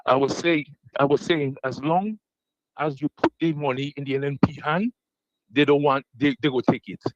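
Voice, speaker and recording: A man's voice: fairly high pitch, fairly even intonation, normal speed, no room sound. A man calls in to a radio program over a bad cell connection, and his words stutter and drop out as the signal breaks up. The line is muffled and dry, with no room around the voice. He speaks in short, blunt bursts. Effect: choppy cell signal that cuts in and out. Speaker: caller. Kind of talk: call-in radio comment. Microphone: phone call. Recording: dull dry phone line.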